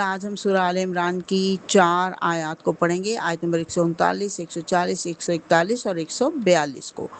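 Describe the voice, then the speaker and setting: A woman teacher who opens a Quran lesson with Arabic prayers and then briskly translates the verses. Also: medium pitch, a little hiss or hum. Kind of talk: formal lesson opening and translation.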